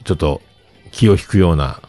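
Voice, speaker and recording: A man's voice: low-pitched, normal speed, soft background music. A man, telling rambling stories in a casual solo livestream. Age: 50s. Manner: animated, rambling anecdotes with many fillers. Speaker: livestream host.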